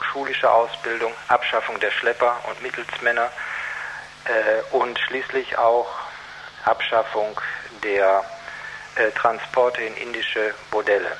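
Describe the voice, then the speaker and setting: On the radio, an activist guest who campaigns against child labour gives earnest, considered explanations, hesitating as he speaks. His voice is middling in pitch with a sharp tone. The audio is poor, with a faint hum and noise.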